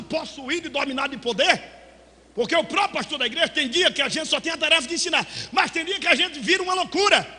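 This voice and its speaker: A man preaching a fervent storytelling sermon as pastor, often breaking into shouts. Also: very high voice. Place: church hall. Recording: echoey church hall reverb.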